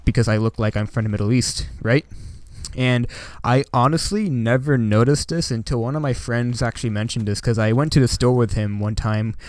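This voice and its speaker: A young man from Washington State in the United States, who hosts the channel, tells a story casually and ramblingly, filling it with "like" and "you know." His voice sits at a medium pitch with a somewhat dark tone, moving at a moderate pace, and there's no echo.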